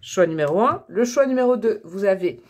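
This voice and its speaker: A woman's voice: medium pitch, animated, fairly quick. A French woman chats her way through a tarot reading for her channel's viewers. Her talk is loose and friendly, with fillers, restarts and little asides. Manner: chatty, warm, many fillers and self-corrections. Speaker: tarot reader and channel host. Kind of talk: casual tarot reading to camera.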